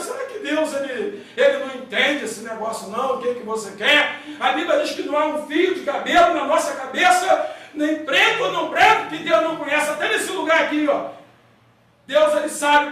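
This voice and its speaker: A middle-aged man with a Brazilian accent, a pastor preaching a loud, fervent evangelical sermon full of folksy stories. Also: very high voice. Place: church hall. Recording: echoey church hall, mic far off.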